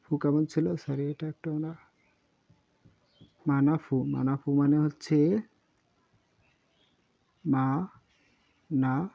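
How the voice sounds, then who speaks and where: Man slowly teaching kanji, dull lo-fi sound. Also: fairly high pitch, little pitch movement, vocal fry. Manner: repeats words slowly, spells out syllables, often says sorry. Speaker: Japanese teacher. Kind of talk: kanji lesson while writing on a board.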